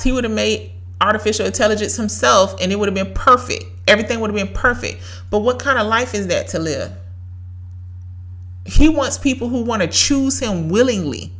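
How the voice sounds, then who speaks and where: A woman's voice: mid-range voice, fairly bright tone. A woman, giving an emphatic, preachy faith talk as a podcast host and repeating lines for effect. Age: 30s. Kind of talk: faith-based motivational talk.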